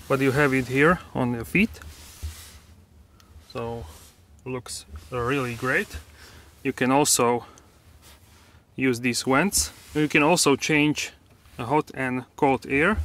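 This mid-range male voice belongs to a car reviewer chatting his way through a casual walkaround, loose and hesitant with plenty of fillers and false starts. A faint hiss or hum sits under the handheld phone-camera audio, which begins inside a parked car before heading out to a dealership lot.

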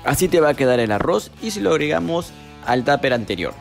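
A young man, calmly narrating a cooking recipe step by step as a voice-over, with music behind him. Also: a little high, fast, creaky. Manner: calm step-by-step instructions. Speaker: cooking channel host.

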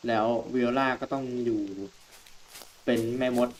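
A man's voice: medium pitch, level tone, unhurried, slight background noise. A man giving chatty let's-play commentary on a horror game, laughing at the plot twists. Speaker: gameplay host. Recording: game music playing behind.

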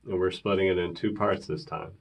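A man's voice: sits low, fairly even intonation, brisk, creaky, slightly rough. A man teaching a beginner piano lesson, counting rhythms aloud and asking viewers to repeat after him.

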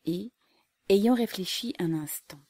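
A woman narrating a classic novel as an audiobook in a calm, measured way. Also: mid-range voice, breathy edge, no echo. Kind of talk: scripted narration.

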